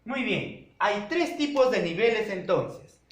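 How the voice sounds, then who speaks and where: Man, schoolteacher lecturing, high and lively voice, unhurried, echoey classroom. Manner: slow, deliberate, repeats key terms and checks with "¿ya?". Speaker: secondary school language teacher. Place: classroom with a whiteboard.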